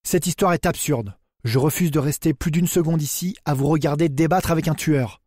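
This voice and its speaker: A man voicing a frightened, defiant young male engineer who snaps and shouts. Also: fairly high pitch, fairly quick, dry recording, clean studio sound, pitched above the performer's own voice, close to an everyday voice. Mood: angry. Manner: agitated, defiant, raised voice.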